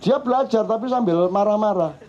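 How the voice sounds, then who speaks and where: This middle-aged man with a Javanese accent speaks at a public discussion forum, telling funny stories to a live audience in a teasing, chatty way. His voice is high and brisk with a darkish tone, and the live recording sounds muffled and lo-fi.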